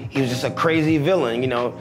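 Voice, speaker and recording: A young man reviewing a movie in a casual, excitable chat, joking and swearing freely. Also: medium pitch, fast. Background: music.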